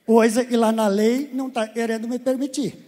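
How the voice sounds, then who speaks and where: A fairly high-pitched man with a dark, husky voice speaks indignantly as a farmer on a seminar panel. His handheld mic carries the long reverb of a large auditorium. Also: little pitch movement, moderate pace. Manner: indignant, complaining. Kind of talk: seminar talk.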